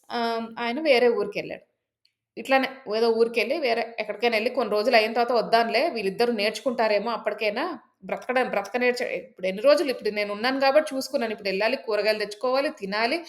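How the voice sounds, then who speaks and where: A woman storyteller telling a folk tale in a chatty, casual way, with many fillers and asides. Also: on the high side.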